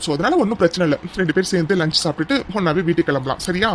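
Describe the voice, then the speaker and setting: A playful, protective young man in an animated story, voiced by a performer, teasing and reassuring in a middle-pitched voice. A faint hiss of noise sits under his lines. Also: rapid-fire, close to an everyday voice. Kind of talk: animated cartoon story dialogue.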